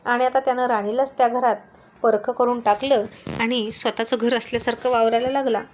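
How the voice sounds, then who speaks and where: A woman's voice: fairly high pitch, a little fast. Woman narrating a story. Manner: even, descriptive storytelling. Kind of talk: scripted narration.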